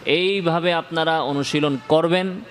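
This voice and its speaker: A man's voice: a little high, steady tone, a little slow, a bit bright, slight background noise. A man teaching a tajweed pronunciation lesson in Bengali, repeating points and stressing key words. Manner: explains with repetition and rising emphasis. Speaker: Quran recitation teacher.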